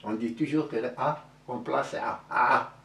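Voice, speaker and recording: A man teaching Arabic letters in French, speaking slowly and repeating each sound several times over. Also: mid-range voice, gravelly, a bit bright. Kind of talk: slow classroom-style letter lesson. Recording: echoey room, voice from a distance.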